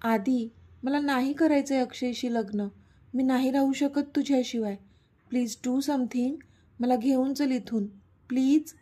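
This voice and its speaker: A woman's voice: high-pitched, fairly even intonation, slow, dark tone, husky, exaggerated voice. A woman voicing an anxious young woman in love who pleads with her partner. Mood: pleading.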